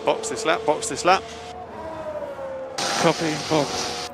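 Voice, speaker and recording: A terse pit radio call. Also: male voice, a little high, fairly even intonation, very noisy. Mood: curt. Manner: clipped, brisk one-line calls. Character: curt male race team radio voice. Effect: terse pit radio call, quiet and distant. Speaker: team radio voice in a racing management game. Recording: faint, distant game radio clip.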